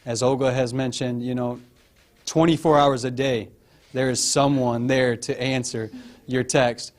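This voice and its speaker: Casting: man, average pitch, earnest and encouraging, addressing a group informally with pauses between phrases. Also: fairly even intonation.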